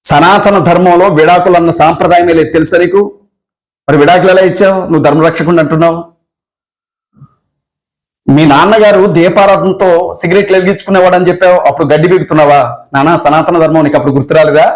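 A man's voice: on the high side, steady tone, fast, poor audio. A man giving a fiery, confrontational political speech, firing off accusing rhetorical questions. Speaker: activist leader.

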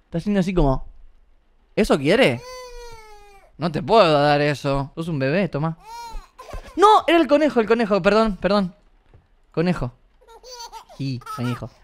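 Young man, gaming streamer, excitable, joking, slightly high voice. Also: moderate pace, long pauses, a little hiss or hum. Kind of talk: casual let's-play commentary.

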